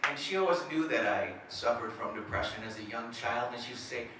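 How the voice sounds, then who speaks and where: A man's voice: medium pitch, a little fast, heavy background noise. A middle-aged man giving a comedic stage talk, with a slight stutter and self-mocking jokes. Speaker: motivational speaker. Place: presentation hall. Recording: echoey hall, mic from far off.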